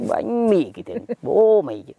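A woman's voice: medium pitch, big pitch swings, measured pace, mellow, no room sound. A woman playing a stingy, grumpy old village grandfather who scolds bluntly in a comedy skit. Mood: grumbling.

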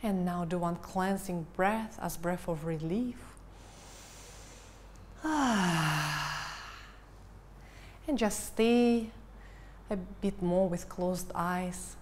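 A woman in her thirties giving a guided breathing lesson in a calm, instructional manner. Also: on the low side, takes it slowly, a little hiss or hum. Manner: calm, instructional, counting and cueing. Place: living room, indoors. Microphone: lavalier lapel mic.

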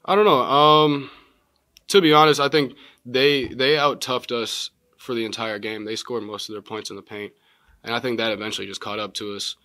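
A young man in his twenties, a college basketball player answering postgame press questions in a measured way with many filler words, seated at a table mic in a press room. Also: medium pitch, fairly even intonation, bright, forceful tone, no echo. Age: 20s. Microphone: table mic in front.

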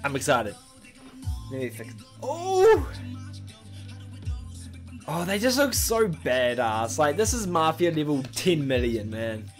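Excitable young man, slightly high voice. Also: slow pace, pauses often, faint music behind. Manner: excitable, rambling, swears casually. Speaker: YouTube reaction host. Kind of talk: casual reaction video chat.

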